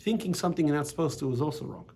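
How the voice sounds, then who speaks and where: A man's voice: a little high, rapid-fire, darkish tone, slightly rough. A man teaching a religious class as rabbi, chatty and full of restarts and asides. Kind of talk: Torah lesson with casual storytelling. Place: classroom with students.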